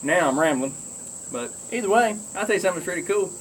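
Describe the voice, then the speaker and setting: This video blogger from the Kentucky countryside talks fast and animatedly in a high-sitting voice, drawling as he smokes a pipe. He rambles casually to viewers, and slight background noise can be heard.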